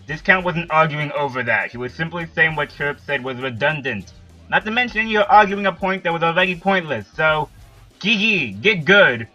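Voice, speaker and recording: Smug man with a bright, lively voice. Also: on the high side, normal speed, lo-fi sound, soft background music. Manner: smug, mocking. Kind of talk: commentary rebuttal.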